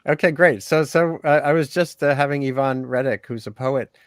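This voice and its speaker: A man's voice: mid-range voice, moderate pace, smooth, no echo. An older man hosting an online panel over a video call, talking casually and hesitantly with many fillers and restarts. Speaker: host.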